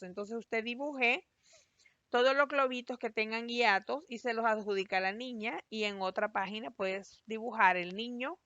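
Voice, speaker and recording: A woman's voice: a little high, a bit bright, no room sound. Patient woman teacher explaining a lesson. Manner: patient, explanatory, spells out syllables slowly. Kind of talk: recorded online class lesson. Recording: dry, slightly dull lo-fi voice-over.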